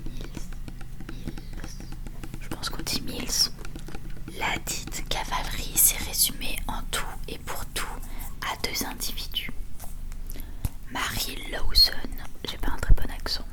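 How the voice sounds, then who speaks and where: Woman in a hushed library whisper. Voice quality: soft unvoiced whisper, like a library whisper. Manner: hushed storytelling with self-corrections. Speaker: ASMR host reading a novel aloud. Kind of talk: whispered ASMR book reading. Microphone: close to the microphone.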